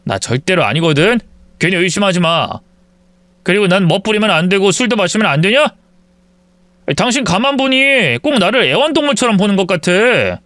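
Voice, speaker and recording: A man voicing a defensive young husband who answers his wife with low, grumbling retorts. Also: big pitch swings, brisk, pushed and bright, no room sound, exaggerated voice.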